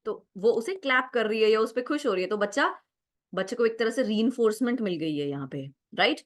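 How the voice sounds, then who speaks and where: A woman's voice: fairly high pitch, animated, a little fast. A young adult woman teaching an exam-prep lecture, explaining step by step, mixing Hindi and English, and often asking "right?". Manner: explanatory, mixes Hindi and English, frequent "right?" check-ins.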